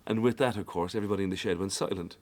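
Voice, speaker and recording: A man's voice: deep voice, very fast, darkish tone. A man recalling stadium anecdotes in a wry, storytelling manner. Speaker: interviewee. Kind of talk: reminiscing storytelling.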